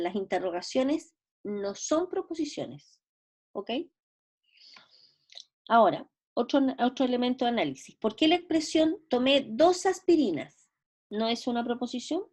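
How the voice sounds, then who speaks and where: A woman teacher lectures on logic. Her voice sits a little high, and she explains step by step, rephrasing points and asking if the class understands. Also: a little mellow. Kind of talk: recorded lecture.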